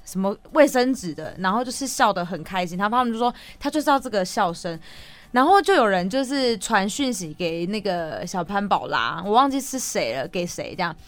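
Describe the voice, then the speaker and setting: A woman's voice: mid-range voice, brisk, dry recording. A woman radio host with a Taiwanese Mandarin accent, chatting casually and laughing often as she tells stories. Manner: laughs often, animated storytelling. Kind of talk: casual chat.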